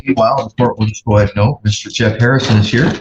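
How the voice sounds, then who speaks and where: Deep-voiced judge on a courtroom recording. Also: male voice, fairly even intonation. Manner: measured, procedural, pauses with fillers. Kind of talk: formal court proceedings. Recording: roomy, dull courtroom recording with faint hiss.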